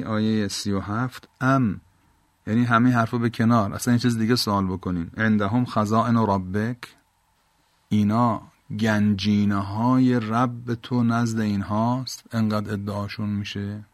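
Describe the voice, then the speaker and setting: A man with a lowish voice teaches a Quran exegesis lesson. He recites each Arabic phrase and then explains its words patiently. The sound is dry and close. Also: no room sound.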